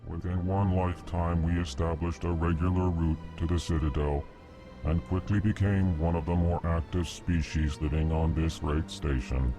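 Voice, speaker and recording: A man playing a huge, polite video game alien who speaks in a slow monotone and announces his emotions. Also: sits low, natural voice. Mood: placid, formal. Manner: slow monotone, states feeling before each sentence. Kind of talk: video game character dialogue. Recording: game music over the voice.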